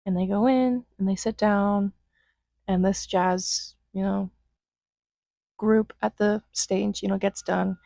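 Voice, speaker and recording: Casual young woman with gravelly fry. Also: mid-range voice, fairly even intonation, warm tone, dry recording, poor audio. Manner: flippant, acts out quotes in quick voices. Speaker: movie reviewer. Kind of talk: casual recap commentary.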